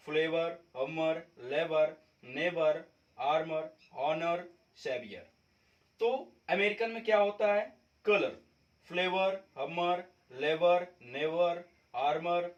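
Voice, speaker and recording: A man's voice: high-pitched, dull audio. A man from India teaching spelling differences, explaining step by step and checking in with his viewers often. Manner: repeats points, checks in with viewers. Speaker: English teacher. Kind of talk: classroom-style explanation.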